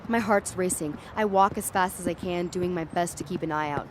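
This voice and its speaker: In a dramatic audio story, a woman with a fairly low, natural voice speaks briskly as she plays an uneasy young woman who keeps tripping on her walk home at night, narrating in the first person. The mood is uneasy and watchful, and clear street and traffic sounds run behind her.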